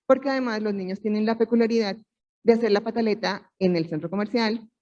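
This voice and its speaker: A woman's voice: medium pitch, fast talker, warm tone, far from the mic, lo-fi sound. A woman in her forties, a parenting panelist, explaining earnestly and asking rhetorical questions.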